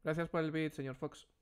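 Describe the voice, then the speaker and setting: A young man with a Spain Spanish accent, a streamer giving excitable, slangy reaction commentary and swearing freely. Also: on the high side, measured pace, vocal fry, smooth.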